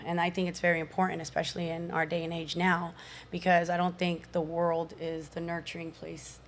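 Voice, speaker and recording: A woman in her thirties speaks as a guest on a podcast panel in a fairly low voice. She talks casually and animatedly, with plenty of slang. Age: 30s.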